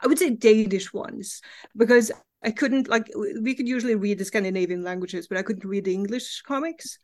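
A woman's voice: medium pitch, fairly quick. A woman from Norway with a Norwegian accent, a guest comics writer chatting candidly in an interview, laughing easily and swearing casually.

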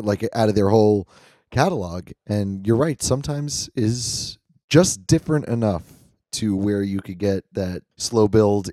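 A man's voice: fairly low pitch, mellow, no room sound, clean studio sound. A man co-hosting a podcast in casual chat, agreeable and easygoing. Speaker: podcast co-host.

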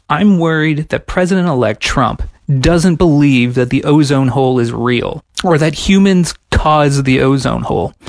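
A man delivering a scripted comedic science explainer with sarcastic, deadpan asides. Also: on the high side, dry recording.

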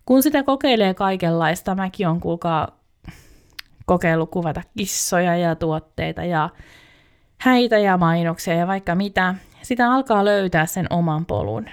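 A woman's voice: lowish voice, clear, resonant tone. A woman hosting a podcast, speaking in a reflective scripted monologue that addresses the listener directly. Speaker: podcast host.

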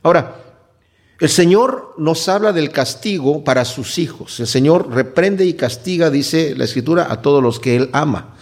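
A man preaching a Bible sermon as a pastor, acting out quoted voices with wide swings in pitch. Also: expressive, moderate pace.

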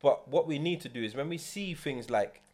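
A man's voice: medium pitch, animated, normal speed, darkish tone. London roadman telling it emphatically. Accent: London, urban street. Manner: emphatic street slang, roadman talk. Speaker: podcast co-host. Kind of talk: casual anecdotal chat.

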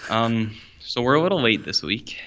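A man's voice: mid-range voice, sing-song, normal speed, fairly bright tone. A man chatting casually as a podcast co-host, joking and slangy, sounding like he's inside a fishbowl in a borrowed room. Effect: boxy fishbowl-like room sound.

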